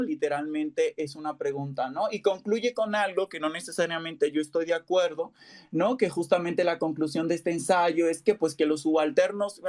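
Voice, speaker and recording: A woman's voice: sits low, darkish tone. Woman podcaster from the Dominican Republic, panel guest; reflective, long-winded, frequent tag questions. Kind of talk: panel talk in an online audio space.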